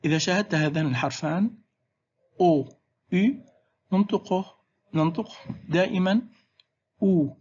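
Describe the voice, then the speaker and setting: A teacher giving a slow, clear spelling and pronunciation lesson in French, switching into Arabic to explain. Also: mid-range voice, a little mellow, dull audio. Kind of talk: classroom language lesson.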